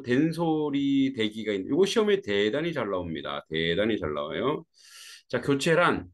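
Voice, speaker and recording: A male teacher walks his students through a grammar lesson, his voice rising and falling as he explains. He checks in with the class after each point and stays conversational. He is teaching from a warm room with a fan. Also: medium pitch. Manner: greets students by name as they join.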